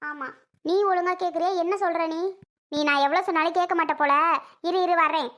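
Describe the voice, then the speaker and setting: A woman's voice: very high-pitched, steady tone, brisk. A woman playing a fretful old mother who pleads with and scolds her daughter, and laments to god. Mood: scolding. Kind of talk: family skit acting.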